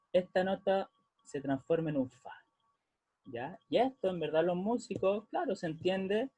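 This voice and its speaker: Warm husky man teaching. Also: fairly high pitch, no room sound. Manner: patient, checks understanding with frequent "¿ya?". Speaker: music teacher. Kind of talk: explanatory lesson.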